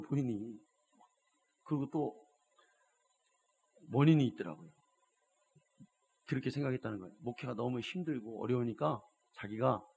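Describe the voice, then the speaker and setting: Husky-voiced male pastor preaching. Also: mid-range voice. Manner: storytelling, swinging from hushed to loud exhortation; keeps addressing the congregation with rhetorical prompts. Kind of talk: sermon. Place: church.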